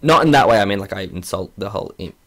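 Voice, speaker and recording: A man's voice: lowish voice, expressive, fast talker. A young man in his late teens, rambling and self-deprecating in a casual vlog, often tripping over his words. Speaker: vlogger.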